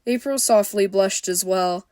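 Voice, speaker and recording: A woman's voice: mid-range voice, a little slow, darkish tone, no room sound, clean studio sound. A woman reading her own story aloud, with small slips now and then.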